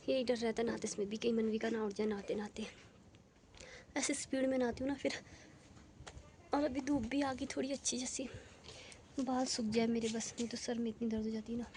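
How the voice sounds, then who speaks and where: A woman's voice: high-pitched, fairly even intonation, moderate pace, a little hiss or hum. A young woman with a head cold, chatting casually to viewers as a family vlogger at home. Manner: chatty, talks straight to viewers. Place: home, indoors.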